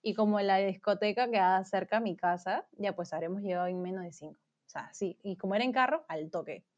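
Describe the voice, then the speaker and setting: A woman's voice: mid-range voice, fast. A woman telling a story in casual chat, full of slang and fillers. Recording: dull lo-fi sound.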